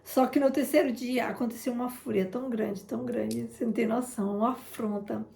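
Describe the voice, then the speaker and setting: A woman's voice: on the high side, fairly even intonation, a little fast, gravelly, dark tone. A woman giving a chatty prayer testimony, often turning to her listeners and acting out past conversations. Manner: chatty, keeps addressing listeners, re-enacts conversations. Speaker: intercessor sharing a testimony. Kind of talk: informal testimony in a prayer broadcast. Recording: roomy echo.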